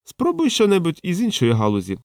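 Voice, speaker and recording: Man doing a high-voiced analytic young scientist. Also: wildly swooping pitch, brisk, darkish tone, no room sound, studio quality, full character voice. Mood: puzzled. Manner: reasoning, explanatory. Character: clever young male researcher, analytic. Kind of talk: audiobook character voice.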